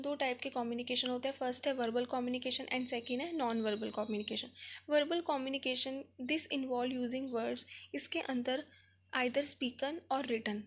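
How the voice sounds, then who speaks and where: A woman with an Indian accent gives an exam revision lecture in a high voice. She explains each point in Hindi mixed with English terms. She reads every heading out slowly before going on. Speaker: teacher.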